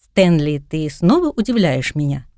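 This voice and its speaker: A woman's voice: low-pitched, a little slow, no echo, studio quality. A woman voicing a witty, mischievous young woman in an audiobook. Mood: playful. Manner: lively, wry, chatting to her cat.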